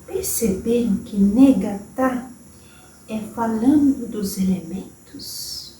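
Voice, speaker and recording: A woman with a Brazilian accent channeling a gentle, wise old grandmother spirit, speaking slowly and soothingly in a motherly tone that drops into whispers, recorded from a distance in a roomy space. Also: fairly high pitch, a little hiss or hum. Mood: tender. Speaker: spirit medium.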